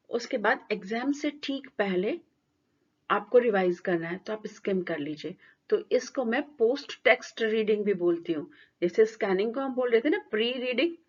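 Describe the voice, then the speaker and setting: A woman teacher giving a lecture at a steady, mid pitch. She explains in Hindi mixed with English and slows right down to read English definitions. The recording is a little dull and lo-fi. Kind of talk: classroom lecture.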